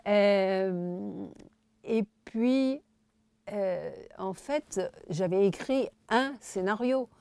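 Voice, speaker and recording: A woman's voice: medium pitch, extremely slow, gravelly, smooth, no echo. A woman, filmmaker and writer, telling anecdotes as an interview guest and acting out the dialogue. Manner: animated storyteller who acts out dialogue. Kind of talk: anecdotal storytelling in a conversation.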